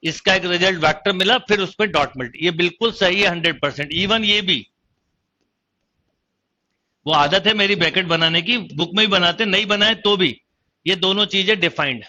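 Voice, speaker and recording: A man's voice: high-pitched, moderate pace, long pauses, sharp tone, muffled recording. A man teaching a math lesson online, explaining step by step and quizzing his students as he goes. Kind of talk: online exam-prep lecture.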